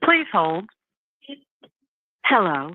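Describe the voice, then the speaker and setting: A woman's voice: lowish voice, big pitch swings, slight background noise. A woman's recorded operator voice on a collect payphone call from a detention facility, reading formal automated prompts. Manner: recorded announcement, measured and formal. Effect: payphone call over a prison phone line. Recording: tinny phone line played back.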